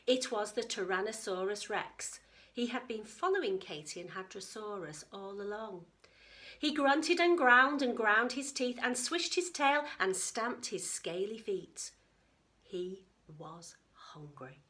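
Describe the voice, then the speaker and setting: A female teacher with a medium-pitched voice reads a story aloud expressively to young children, adding chatty asides for her listeners.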